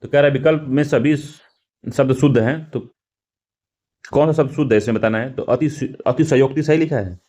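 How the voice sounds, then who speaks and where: A male teacher works through exam practice questions, explaining the answers with frequent fillers, repeated words, and self-corrections. His voice is mellow and mid-range, and he talks a little fast.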